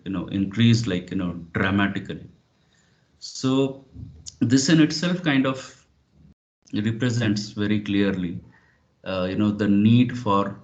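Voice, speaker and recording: A man presenting an online webinar, speaking hesitantly with many fillers like "you know". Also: fairly low pitch. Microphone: video call. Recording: dull lo-fi video call audio.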